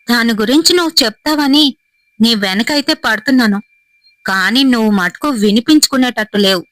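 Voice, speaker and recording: A woman's voice: fairly high pitch, a bit bright, dry recording, close to an everyday voice, rough recording. A woman voicing the pleading ghost of a young man who died in an accident, in a spoken horror story.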